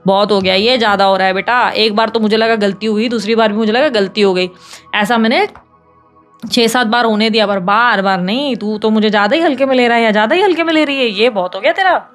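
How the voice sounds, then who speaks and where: A woman reading tarot in a casual chat to her viewers, talking fast, teasing and scolding them like a big sister. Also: a little high, faint music behind. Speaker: tarot reader.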